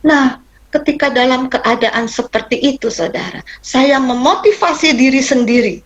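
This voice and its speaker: A woman's voice: high voice, moderate pace, dull audio. A middle-aged woman, a pastor's wife, giving an emotional church testimony and addressing the congregation directly. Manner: emotional, animated, addresses listeners as "saudara".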